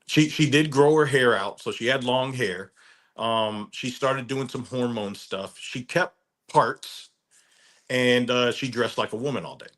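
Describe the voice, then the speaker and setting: A man, retired from the military, telling a story on a casual panel in halting speech, often repeating words. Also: medium pitch, a bit bright.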